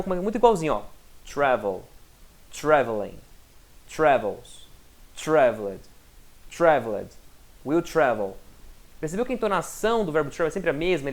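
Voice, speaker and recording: A male English teacher gives a relaxed, conversational lesson. He keeps checking that his student is following and draws out English example words slowly and carefully so they can be heard clearly. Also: high-pitched. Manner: chatty and encouraging, often checks in with the student. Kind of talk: recorded online lesson.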